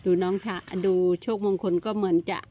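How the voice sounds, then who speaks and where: A woman gives lively vlog commentary. She keeps calling out to a young elephant and coaxing it. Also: medium pitch, fairly quick, dull audio. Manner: animated, exclaiming, coaxing an animal. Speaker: elephant keeper filming a young elephant.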